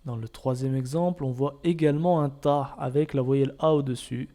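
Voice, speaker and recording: A man's voice: mid-range voice, fairly even intonation, normal speed, warm tone. A man teaching how to read letters step by step, patiently repeating each point and sounding out examples. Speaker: Arabic reading teacher. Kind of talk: step-by-step lesson narration.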